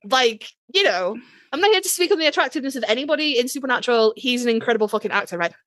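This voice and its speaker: Rapid-fire and lively, this Yorkshire woman co-hosts an opinionated fan podcast countdown, speaking bluntly, swearing a lot and emphasizing for drama. Her voice is on the high side and fairly bright, recorded dry.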